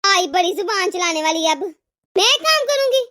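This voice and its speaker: A woman's voice: very high voice, sing-song, moderate pace, pushed and bright, exaggerated voice. A woman voicing an arrogant, lazy young wife in a cartoon who taunts her in-laws with scorn. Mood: defiant. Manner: taunting, sneering.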